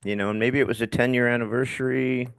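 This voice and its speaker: A man's voice: mid-range voice, steady tone, fast, clear, resonant tone, no room sound, clean studio sound. A middle-aged man with a slight lisp, a podcast guest telling frank, self-deprecating stories in a conversational interview.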